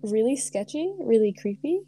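A woman with a slightly higher voice reacts in short, blunt remarks as a story is read aloud. Her tone is casual and conversational. Guitar music plays behind her. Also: lively intonation. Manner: quick, blunt reactive comments.

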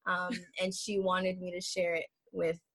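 A woman's voice: fairly low pitch, completely flat delivery, a little slow, a bit bright. A woman in her twenties from El Salvador, sharing her personal story as a guest, earnest and full of "um" and "like". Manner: earnest, frequent fillers like "um" and "like". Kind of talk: casual personal testimony.

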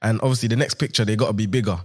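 A man's voice: lowish voice, rapid-fire, husky. A young man with a London roadman accent, chatting casually with friends in slang. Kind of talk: casual group chat on camera.

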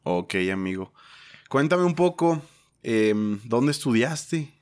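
A man's voice: medium pitch, sing-song, slow pace, a little mellow. A man hosting a podcast interview in a casual, upbeat, joking way. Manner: upbeat, jokey, welcoming. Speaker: podcast host.

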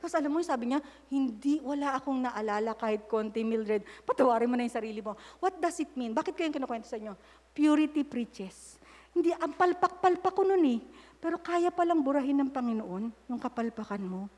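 With a high-pitched, expressive, slightly mellow voice, a middle-aged woman preaches briskly. Her sermon mixes English and Tagalog in candid personal stories punctuated by spoken prayer mid-sentence, recorded with long hall reverb.

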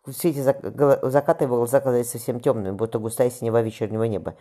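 Brisk, expressive male audiobook narrator. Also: medium pitch.

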